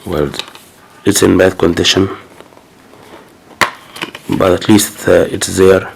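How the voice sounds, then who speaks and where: Sick and hesitant, a gaming channel host slowly works through his new game collection in a low, gravelly voice with a level tone. Fillers and restarts fill his casual commentary, and the poor audio has a little hiss or hum.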